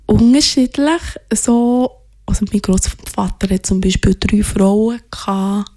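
A woman from Ghana, as an interview guest, soft-spoken and hesitant, searching for her words. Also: mid-range voice, slow pace. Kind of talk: reflective personal interview.

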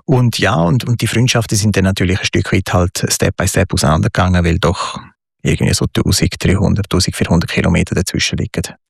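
A man with a Swiss German accent, a guest in an interview, telling his story reflectively with many pauses and fillers. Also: sits low, creaky, husky, no room sound, studio quality. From Switzerland and southern Italy. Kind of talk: conversational interview.

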